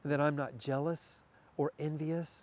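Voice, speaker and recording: A man's voice: fairly high pitch, little pitch movement, unhurried. A man as a podcast guest in a candid conversation, talking in a reflective, philosophical way and thinking aloud with small restarts.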